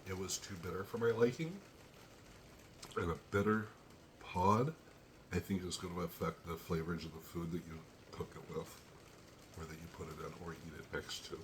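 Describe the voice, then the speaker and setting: A man with a low, deep voice talks his way through a chili tasting in a slow, measured ramble, pausing often as he weighs the burn. He sounds teary and sniffly from the heat, with a faint hiss of noise behind him. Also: steady tone. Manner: slow, measured, thinking aloud between pauses. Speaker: chili pepper reviewer. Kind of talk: casual solo tasting review.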